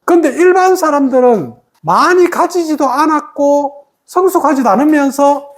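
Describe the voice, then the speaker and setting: A woman's voice: high voice, moderate pace. A woman giving a meditation lesson, acting out other people's words as she explains. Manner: animated, acts out quoted speech of others. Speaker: meditation teacher.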